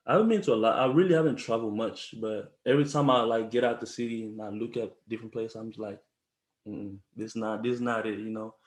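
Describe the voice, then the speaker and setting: A young man from the Congo in his twenties talks in a low, relaxed way, circling back over his words with slang and many restarts. His voice carries a noticeable room echo, as if recorded in a bare space. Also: quick pace. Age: 20s. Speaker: podcast guest. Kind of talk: casual conversation.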